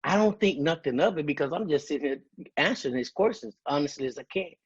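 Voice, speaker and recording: A man's voice: on the high side, lively intonation, quick pace, slightly rough, lo-fi sound. Earnest man telling his story. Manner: earnest, emotional, quotes dialogue. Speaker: guest speaker. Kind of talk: personal testimony, storytelling.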